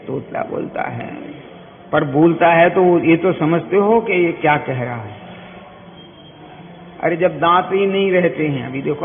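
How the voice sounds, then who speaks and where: Male scripture teacher, high and slow, quizzes his listeners; lo-fi hall recording. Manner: keeps asking listeners quick questions; explains by everyday examples. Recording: tinny, echoey hall with faint hiss.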